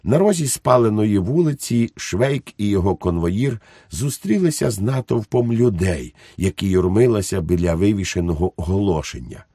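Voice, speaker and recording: A man narrating an audiobook in an expressive storytelling manner, recorded close to the mic. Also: on the low side, moderate pace, no room sound. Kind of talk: scripted narration.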